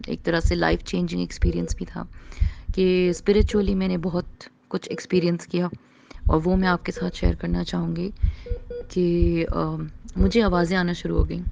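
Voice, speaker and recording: A woman giving an earnest, emotional first-person testimony, pausing often and slipping English phrases into her talk. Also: lowish voice, creaky, a little mellow. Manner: earnest, mixing English phrases into Urdu, halting pauses. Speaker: storyteller sharing a personal experience.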